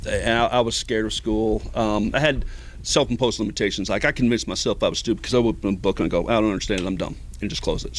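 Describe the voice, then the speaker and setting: A middle-aged man, a ski patroller, telling stories in a casual interview, rambling with many fillers. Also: on the low side. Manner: rambling, many fillers, acts out quoted voices. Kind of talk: casual storytelling.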